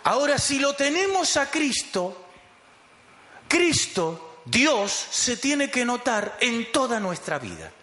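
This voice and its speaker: Man, pastor, sermon, emphatic, high animated pitch, roomy echo. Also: takes it slowly. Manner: emphatic, calls the congregation to repeat after him.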